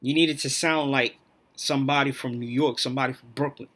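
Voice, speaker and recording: A man's voice: medium pitch, steady tone, a little fast, fairly bright tone. A man hosting his own podcast, talking alone in a blunt, profane, opinionated rant. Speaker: podcast host.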